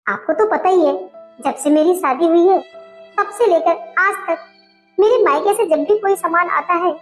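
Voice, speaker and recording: A woman's voice: very high-pitched, normal speed, faint music behind. A woman playing an outspoken young wife who firmly scolds her in-laws, in a comedy skit. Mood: defiant. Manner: firm, indignant, scolding.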